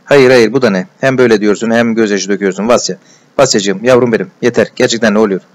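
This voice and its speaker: An impulsive, warm young man from a storybook, firing off excited, disbelieving exclamations, as a man puts him on. The voice is on the low side. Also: fast talker, lightly acted. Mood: astonished.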